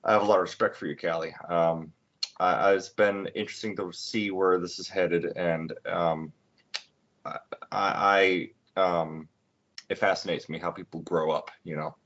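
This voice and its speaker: A man in his twenties hosting a casual podcast chat, talking in halting bursts with many restarts. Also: deep voice, steady tone, fairly bright tone. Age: 20s. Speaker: podcast host. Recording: dull lo-fi recording.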